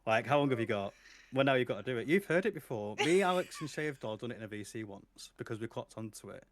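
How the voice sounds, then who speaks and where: A man's voice: medium pitch, animated, fast talker. A young man, a guest streamer chatting casually on a podcast, laughing often and swearing freely.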